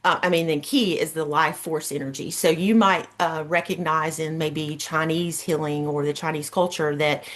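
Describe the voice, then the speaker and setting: Southern American woman, deep voice, conversational, folksy, explaining informally. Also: fairly even intonation, moderate pace, few pauses. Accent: Southern US (Georgia). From Georgia, United States. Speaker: Reiki practitioner, guest speaker. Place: on an online video call.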